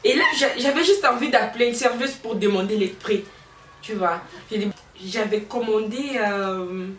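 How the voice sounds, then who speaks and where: A woman's voice: medium pitch, moderate pace, reverberant, recorded from a distance, a little hiss or hum. A young woman with a Congolese French accent, telling a personal story to her viewers in a chatty, laughing way. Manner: chatty, addresses viewers directly, laughs often. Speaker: vlogger. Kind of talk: storytime chat to camera.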